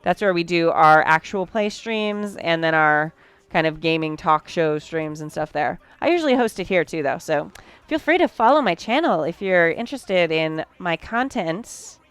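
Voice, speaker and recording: A woman's voice: on the low side, lively intonation, normal speed, few pauses, smooth, no room sound. A woman streaming live from her sewing room late at night, tired, chatting casually with her viewers as she sews. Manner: chatty, talks to chat while working.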